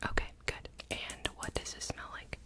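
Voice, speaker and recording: Young female whisperer for fast ASMR whispered role-play: brisk exam-giver, close-miked, clipped and repetitive. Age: young adult. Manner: fast, brisk, clipped instructions with repeated short words. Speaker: ASMR creator playing a cranial nerve examiner. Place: small indoor home room. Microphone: large microphone close in front of the mouth.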